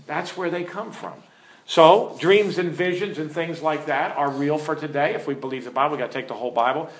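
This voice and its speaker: Middle aged guy pastor preaching, storytelling, kinda high voice, echoey church room. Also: brisk. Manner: earnest, storytelling, asks the audience questions. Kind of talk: teaching sermon with stories.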